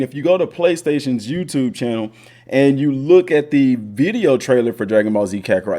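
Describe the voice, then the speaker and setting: Animated American man, casual gaming vlogger. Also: medium pitch. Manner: informal, rambling, repeats phrases for emphasis. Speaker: YouTube host and gaming commentator; sports coach. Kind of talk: casual chatty commentary to viewers. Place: indoors in front of a green screen.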